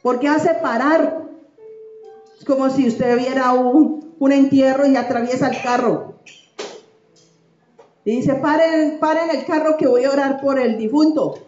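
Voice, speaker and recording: Woman pastor, very high voice, emphatic repetitive preaching, echoey lo-fi church sound. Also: unhurried, long pauses, darkish tone, faint music behind. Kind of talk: sermon.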